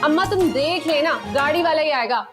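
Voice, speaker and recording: एक अभिनेत्री द्वारा निभाई गई बेबाक और चुलबुली जवान लड़की, जो सबको छेड़ती रहती है। उसकी आवाज़ बहुत ऊँची है। पीछे संगीत साफ़ सुनाई देता है।. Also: female voice, high-pitched, brisk, over music, close to an everyday voice. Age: young adult. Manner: teasing, cheeky. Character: brash outgoing young woman wanting a car-owning groom. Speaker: lead character. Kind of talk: TV drama acting.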